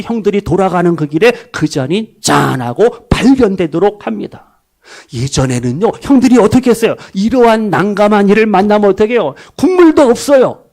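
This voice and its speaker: High-voiced preacher with dramatic swings. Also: male voice, lively intonation, moderate pace. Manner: dramatic swings between loud bursts and soft low asides; asks the congregation questions and answers them himself. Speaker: pastor. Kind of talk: sermon.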